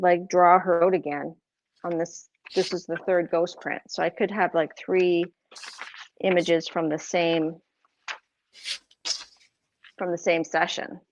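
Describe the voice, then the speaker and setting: A woman's voice: fairly low pitch, highs cut off, slight background noise. A woman with a Boston accent casually explaining her craft prints, rambling with lots of fillers and self-corrections. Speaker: craft livestream host.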